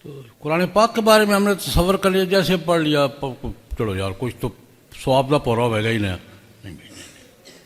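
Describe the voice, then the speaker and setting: An older man from Pakistan, preaching at a graduation ceremony in a folksy way, with stories and rhetorical questions. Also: a little high. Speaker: religious scholar. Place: large hall. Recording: long hall reverb.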